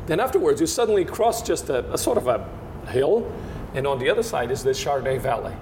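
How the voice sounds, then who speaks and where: A Portuguese winemaker, a native speaker of Portuguese, answers interview questions about his winemaking, talking a little fast. He searches for words and keeps restarting his sentences as he describes things. The recording carries a steady hiss and a low rumble.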